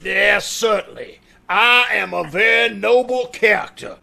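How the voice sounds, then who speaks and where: Woman acting a slow, creaky, sardonic doctor. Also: mid-range voice, bright, forceful tone, heavily acted. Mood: wry, self-important. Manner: wry, florid, theatrical. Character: pompous, sardonic small-town doctor trading friendly insults. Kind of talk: old-time radio comedy acting.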